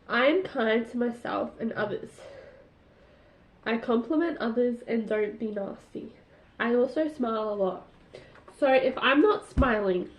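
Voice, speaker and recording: A woman hosting a casual solo podcast, chatting with lots of "like" fillers and laughing at herself, recorded on a tablet's built-in mic. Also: on the high side. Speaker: podcast host. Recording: roomy, dull tablet recording.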